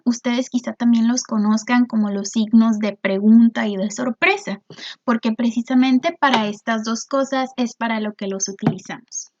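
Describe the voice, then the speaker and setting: With a high, slightly mellow voice, a woman teacher patiently explains a video lesson, checking in with her students often. She fills pauses with small hesitations, frequently saying "este," and the recording sounds dull and lo-fi.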